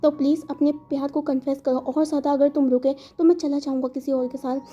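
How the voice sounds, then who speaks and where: A woman's voice: high voice, steady tone, fairly quick, mellow, muffled recording, close to an everyday voice. A woman voicing a worried young man who speaks urgently and insistently to someone he loves. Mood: pleading.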